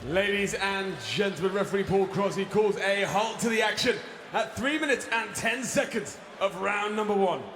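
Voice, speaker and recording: Male ring announcer, formal booming introductions, drawn-out names, creaky edge, echoey noisy arena. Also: fairly bright tone. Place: large indoor fight arena.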